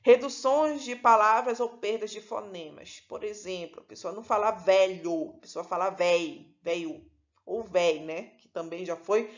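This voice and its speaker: A woman's voice: mid-range voice, moderate pace, few pauses, lo-fi sound. A woman from Pará with a Paraense Brazilian accent, teaching a recorded lesson in an explanatory way, often adding "né" and correcting herself mid-phrase. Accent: Paraense Brazilian Portuguese. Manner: explanatory, with frequent "né" and self-corrections.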